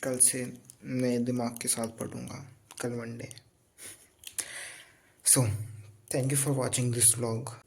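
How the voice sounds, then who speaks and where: A young man in his late teens with an Indian accent, chatting casually in a night-time study vlog. He speaks softly and slowly, sleepy and tired, and rambles a little. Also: medium pitch, flat delivery, creaky, slight background noise. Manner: speaks softly and slowly so as not to wake others; drifts between two languages, rambling and tired. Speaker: student vlogger.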